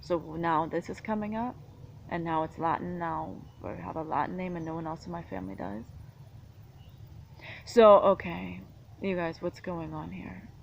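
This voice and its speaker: Gravelly, indignant woman ranting. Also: on the low side, fairly even intonation, normal speed. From United States. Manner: indignant, rambling, argumentative. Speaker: vlogger. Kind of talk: casual monologue to camera. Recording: dull lo-fi sound with faint background noise.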